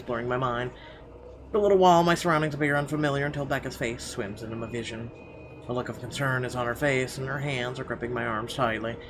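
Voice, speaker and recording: A gaming video host reads horror visual novel narration aloud, theatrical and suspenseful, leaning hard on his phrasing. His voice is medium-pitched and a bit bright, with game music behind it and a little hiss or hum on the recording.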